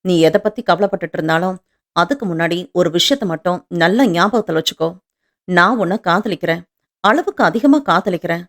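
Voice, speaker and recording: Devoted young husband, voiced by a woman reader, soft, slightly lowered, earnest. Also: animated, fairly quick. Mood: tender earnest.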